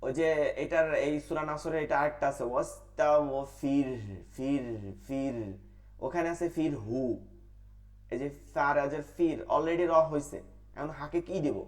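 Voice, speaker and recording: প্রশ্ন করে নিজেই উত্তর দেওয়া পুরুষ কুরআন শিক্ষক. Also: male voice, fairly high pitch, steady tone, moderate pace, pauses often. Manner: asks questions and answers them himself, repeats rules in a drill. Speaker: Quran recitation teacher. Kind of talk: online tajweed class.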